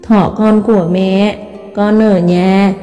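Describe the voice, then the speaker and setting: A woman voicing a loving mother rabbit in a storybook tale, speaking slowly and tenderly. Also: medium pitch, little pitch movement, natural voice. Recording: long hall reverb, soft music behind.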